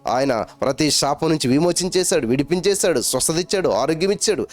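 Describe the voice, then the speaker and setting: A man preaching a sermon as a pastor, fervent and emphatic, building to loud exclamations. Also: fairly high pitch, animated, quick pace, soft background music.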